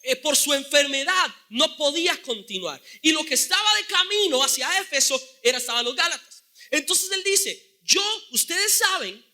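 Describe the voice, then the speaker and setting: A man's voice: animated, moderate pace. A man preaching a sermon in a church, emphatic, often raising his voice when he voices the apostle's words. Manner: emphatic, voicing the apostle's words with raised pitch and sudden shouts.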